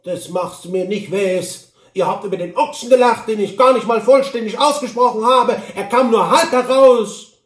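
A man voicing a quarrelsome, touchy little frontiersman with a Saxon accent, shrill and indignant. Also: normal speed, roomy sound, close to an everyday voice.

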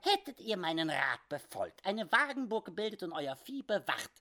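Man playing a small old trapper, squeaky high voice, mocking, dry, lively swings, audiobook. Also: moderate pace, exaggerated voice. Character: small wily old male frontier trapper.

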